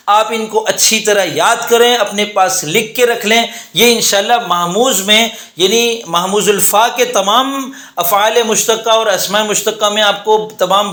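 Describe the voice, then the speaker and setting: A man teaching Arabic grammar in a methodical lesson, saying example words slowly and repeating them. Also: sits high, fairly bright tone. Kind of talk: explanatory lesson. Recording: echoey room.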